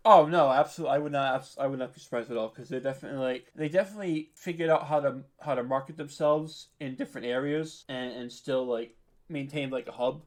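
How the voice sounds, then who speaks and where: In a laid-back podcast interview, a man who writes and produces audio drama talks at a quick pace in a medium-pitched, slightly mellow voice. He's informal, hesitant and self-deprecating, staying modest about himself.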